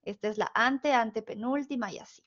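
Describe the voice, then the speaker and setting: Speaking fairly quickly in a fairly high, somewhat bright voice, this spelling teacher has a northern Mexican Spanish accent. She patiently goes through the rules step by step and checks on her students, all on a dull, lo-fi recording.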